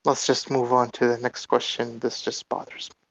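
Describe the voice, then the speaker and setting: A man's voice: mid-range voice, level tone, moderate pace, a bit bright, dry recording, muffled recording. A man talking through a voice changer, giving curt, unbothered answers as the interviewee. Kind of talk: casual online interview.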